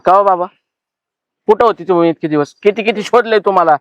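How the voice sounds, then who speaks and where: A man's voice: high-pitched, fast, dry recording, lo-fi sound, lightly acted. A man playing a caring stepson who has come to take his old father home. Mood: earnest. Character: earnest caring young stepson, firm and protective. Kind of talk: village family drama acting.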